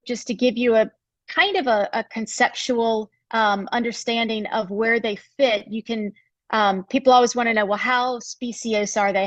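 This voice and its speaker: A woman's voice: a little high, dry recording, muffled recording. A female biology professor, giving a recorded slide lecture in a conversational, explanatory way with frequent fillers. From United States.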